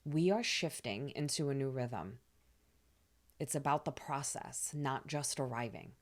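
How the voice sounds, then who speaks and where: A woman with a low voice talks gently and soothingly, the way a spiritual host speaks to her followers. Her speech is relaxed and loose, with casual fillers here and there. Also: measured pace. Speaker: spiritual astrology channel host. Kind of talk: gentle spiritual talk to camera.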